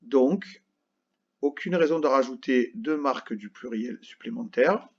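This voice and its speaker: A man with a slightly husky voice teaches a recorded lesson to young children. He speaks slowly and patiently, spelling words out letter by letter and checking in often. The sound is a little dull and lo-fi. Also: medium pitch. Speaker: primary school teacher.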